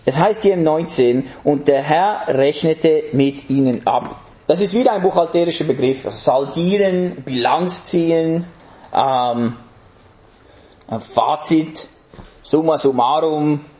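A man's voice: on the high side, unhurried, mellow, reverberant. A man preaching a sermon in an emphatic way, putting rhetorical questions to the congregation.

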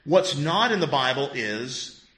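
Pastor, 50s male, lively and bright, conversational, echoey room. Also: medium pitch, unhurried. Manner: conversational, asks the group questions, chuckles. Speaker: pastor teaching a class. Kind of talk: interactive Bible teaching.

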